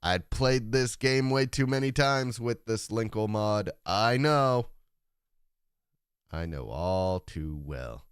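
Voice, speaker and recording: A man talks through a live game stream, unhurried and rambling to his chat. His voice sits very low and comes out deep and raspy from a rough throat. The sound is dry and close, with no room around it. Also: animated, no room sound. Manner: rambling, humming along while playing. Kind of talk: live gameplay commentary.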